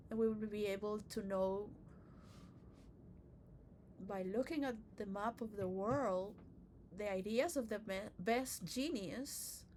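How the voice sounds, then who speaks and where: A woman's voice: mid-range voice, darkish tone, slight background noise. A woman from Venezuela whose first language is Spanish, vlogging in a meandering, blunt monologue that swears freely. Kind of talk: casual rambling monologue. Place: recorded at her own setting, she shows on camera.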